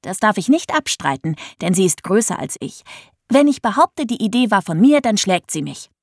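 Lively woman reading a children's story. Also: medium pitch, moderate pace, no room sound, clean studio sound. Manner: playful, lively storytelling to young listeners. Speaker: audiobook narrator. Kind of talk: first-person children's story narration.

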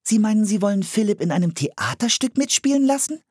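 A man's voice: high-pitched, big pitch swings, brisk, darkish tone, slightly rough, no room sound, studio quality, pitched above the performer's own voice, full character voice. Man playing a bold, outspoken little girl. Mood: insistent. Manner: insistent, indignant.

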